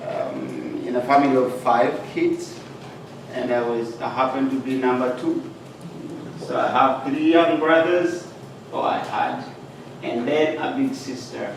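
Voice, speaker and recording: A man's voice: mid-range voice, expressive, unhurried, creaky. A man from Uganda, a guest speaker telling his life story in an earnest, plain-spoken way. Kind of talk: personal life story talk. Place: club meeting room. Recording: echoey hall, far from mic, noisy.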